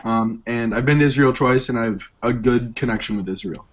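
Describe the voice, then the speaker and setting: A seventeen-year-old boy from Chicago speaking earnestly on an online call, pausing with ums. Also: medium pitch. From Chicago, USA. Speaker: panelist. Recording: dull lo-fi call audio.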